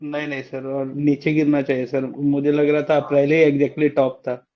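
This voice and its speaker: A man's voice: fairly high pitch, level tone, normal speed, lo-fi sound. A man calling in to ask a mentor about trades, polite and deferential, saying sir again and again. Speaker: caller. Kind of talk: casual chat.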